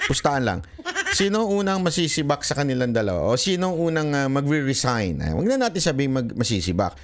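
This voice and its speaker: Animated laughing male vlogger. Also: medium pitch, fairly quick. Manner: teasing, laughing, animated, playful. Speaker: political commentary vlogger. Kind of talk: casual political commentary.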